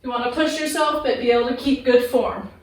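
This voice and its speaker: Echoey, higher-pitched woman fitness influencer coaching. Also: steady tone, brisk. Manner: instructional, encouraging, counting down and cueing form. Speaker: fitness instructor. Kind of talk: live workout class coaching, fitness influencer style. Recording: echoey room, distant microphone.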